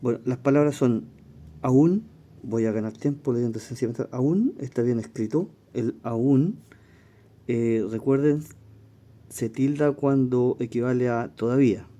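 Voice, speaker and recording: A man teaches in a very dark, mellow tone. He reads exam questions and talks through each answer. He thinks aloud and corrects his own slips. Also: medium pitch, unhurried. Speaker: language teacher. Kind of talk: exam walkthrough lesson.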